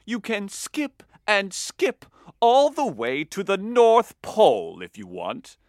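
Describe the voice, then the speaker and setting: A woman's voice: medium pitch, wildly swooping pitch, takes it slowly, darkish tone, dry recording, clean studio sound. A woman voicing a greedy, sneering rich man who sputters and panics in a children's audio story. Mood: disdainful.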